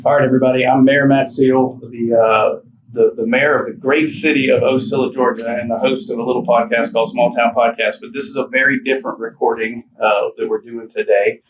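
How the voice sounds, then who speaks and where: A podcast host who is also a small-town mayor runs a casual interview in a chatty, folksy way, with plenty of fillers and restarts. His mid-range voice is steady and brisk, picked up by a distant mic in an office conference room that sounds roomy, with faint noise.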